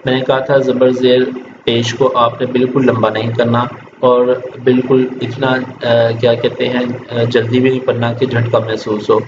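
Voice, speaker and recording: Flat-voiced male teacher in an echoey room. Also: mid-range voice. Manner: spells out syllables slowly, then explains patiently. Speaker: Quran teacher. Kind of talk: online reading lesson for children. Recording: echoey room, dull lo-fi sound with steady noise.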